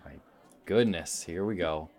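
A man's voice: low voice, a little slow, darkish tone. A man hosting a riddle game, reading riddles theatrically and giggling between them.

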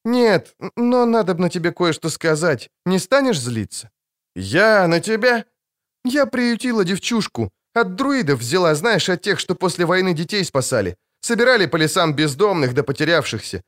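A man's voice: sits high, big pitch swings, moderate pace, a bit bright, pitched above the performer's own voice. A man reading an audiobook, voicing a middle-aged village wife who talks in an emotional, pleading way.

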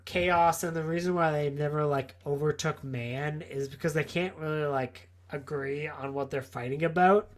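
A man's voice: fairly high pitch, fairly even intonation, normal speed, hardly any pauses. A tipsy man co-hosting a podcast, rambling through a story with constant filler words. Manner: rambling, lots of filler likes. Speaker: podcast co-host.

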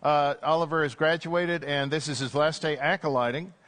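Priest preaching at a pulpit microphone. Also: male voice, on the high side, fairly even intonation, normal speed. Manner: conversational preaching, gentle joking, frequent "uh" fillers. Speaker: Anglican priest. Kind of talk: sermon.

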